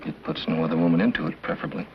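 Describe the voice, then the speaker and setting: Man acting an offhand rancher, rapid talk, deep voice, muffled old TV audio. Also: fairly even intonation, natural voice. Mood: cool. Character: indebted rancher man, cool and mercenary. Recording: dull 1950s TV soundtrack with faint hiss.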